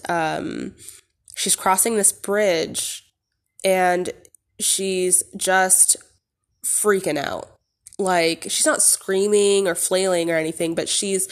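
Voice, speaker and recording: Woman, podcast host, candid rambling monologue, swears freely, slightly low voice. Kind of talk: casual personal monologue.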